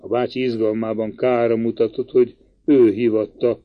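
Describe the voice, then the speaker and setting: A man narrating a literary audiobook in a measured, even reading voice. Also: medium pitch, narrow, tinny audio. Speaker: audiobook reader.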